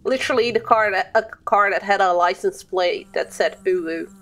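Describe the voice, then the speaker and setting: In casual gaming stream chat, this young woman banters playfully with viewers and reacts aloud to the screen. She speaks at a moderate pace in a medium-pitched, fairly bright voice.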